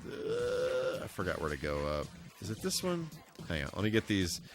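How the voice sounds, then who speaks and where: Over background music, a deep-voiced man chats casually with viewers while streaming a video game live. His pitch swings hugely and his pace is normal, and he drops in playful exclamations and sing-song asides. Some background noise is present.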